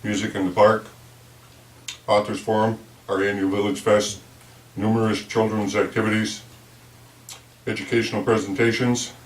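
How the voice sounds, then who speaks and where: A man's voice: on the low side, level tone, moderate pace, pauses often. A man with a lisp and whistling s, giving a formal prepared address as chair of a local board meeting. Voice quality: lisp from a dental appliance, whistling s. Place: indoor village board meeting room. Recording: roomy, distant meeting-room microphone.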